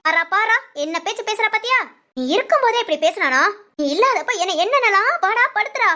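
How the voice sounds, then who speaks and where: A woman's voice: extremely high pitch, lively intonation, fairly quick, sharp tone, full character voice. A woman voicing a bossy, scheming older mother-in-law in a cartoon, nagging and scolding, with Tamil village speech. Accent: Tamil Nadu village speech.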